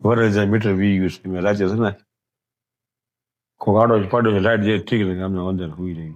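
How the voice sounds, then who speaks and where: An older man, talking in an emotional interview, soft and halting, often trailing off quietly. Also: fairly low pitch, steady tone, lo-fi sound. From Gujarat, India. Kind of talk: emotional interview, plain talk.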